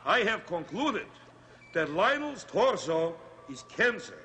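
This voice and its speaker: A man's voice: high-pitched, very animated, slow pace, pushed and bright, heavily acted. A man playing a dim-witted, obedient henchman in a children's TV comedy, earnest and servile. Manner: simple-minded, servile, earnest. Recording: faintly noisy vintage TV soundtrack.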